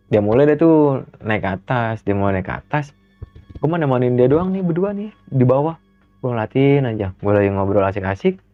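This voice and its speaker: A young man with a Jakarta colloquial accent, casually telling a ghost story as an interview guest and acting out every voice in it with big jumps in pitch. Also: dry recording. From Jakarta, Indonesia. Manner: animated, acts out quoted dialogue with sharp pitch jumps. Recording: dull dry recording with faint music.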